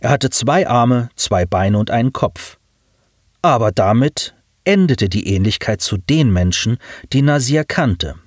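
A man narrating a science fiction audiobook in measured, expressive storytelling. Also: medium pitch, dry recording, studio quality.

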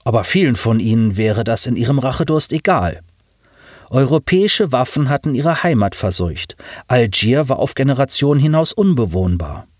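A male narrator reads a science fiction audiobook with a lively, rising and falling melody. He tells the story at a measured pace in a middle register. The sound is dry and close, as in a booth. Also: medium pitch, dry recording.

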